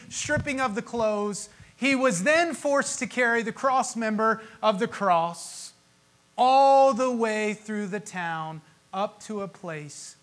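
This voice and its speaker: A male pastor preaching a Christmas sermon, emotional, with dramatic pauses and swelling emphasis. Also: high-pitched, fairly bright tone.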